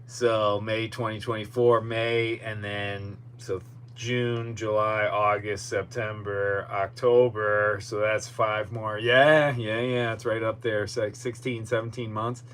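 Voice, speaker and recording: A man's voice: fairly low pitch, little pitch movement, takes it slowly, a bit bright. A man hosting a casual solo podcast live stream from outdoors in a yard, talking in a rambling, self-deprecating way. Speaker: podcast host. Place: outdoors in a boatyard. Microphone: podcast microphone. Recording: noticeable background noise with hum.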